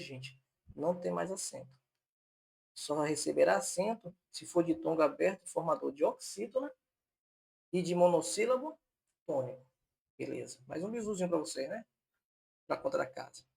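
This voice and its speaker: A man's voice: fairly high pitch, gravelly, darkish tone, slightly rough. A man teaching a Portuguese grammar lesson online for exam prep, explaining step by step and repeating points on purpose so they stick.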